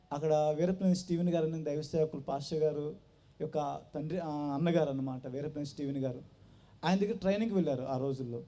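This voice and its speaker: A man shares his personal testimony with a congregation, telling his story in an animated way and slipping into the voices of the people he quotes. His voice is deep-toned and mellow in colour, yet sits somewhat high in pitch. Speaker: testimony speaker at a church gathering.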